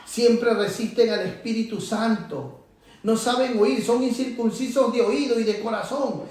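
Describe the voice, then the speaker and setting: A man's voice: very high voice, a little slow. A man preaching a sermon to a congregation, emphatic and exhorting, his voice climbing as he drives a point home. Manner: emphatic, rising to loud exhortation. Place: church hall. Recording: echoey room, from far off.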